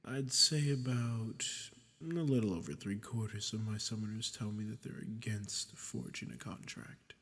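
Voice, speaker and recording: A man playing a smug, sadistic archdemon in a scripted audio roleplay, speaking to the listener with condescending menace and breathy murmurs. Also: on the low side, animated, normal speed, few pauses, fairly bright tone. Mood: taunting. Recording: long cavernous reverb.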